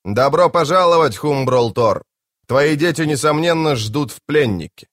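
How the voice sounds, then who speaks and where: An earnest soldier captain, as a man reading an audiobook plays him. He declaims formally with lively swings of pitch. The recording is dry. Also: normal speed, no echo. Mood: declaring. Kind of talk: audiobook character voice.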